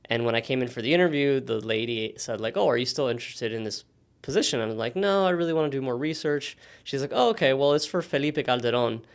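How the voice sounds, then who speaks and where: Smooth-voiced man from Miami, native Spanish speaker. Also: mid-range voice. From Miami, United States. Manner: relaxed storytelling with frequent "um" pauses. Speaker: podcast guest. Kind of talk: casual interview conversation.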